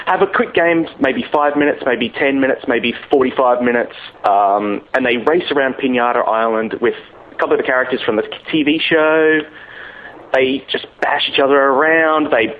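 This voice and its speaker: A man's voice: medium pitch, moderate pace, a little hiss or hum. Informal, jokey Australian male game designer, interviewed over a narrow phone-like connection. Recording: band-limited radio-like long-distance line.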